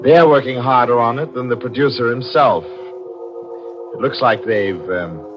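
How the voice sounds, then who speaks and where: An actor playing a scheming, coolly tense newspaper columnist in old-time radio noir, brooding and calculating. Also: male voice, mid-range voice, a little slow, natural voice. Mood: smooth, calculating. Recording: dull vintage radio recording with music.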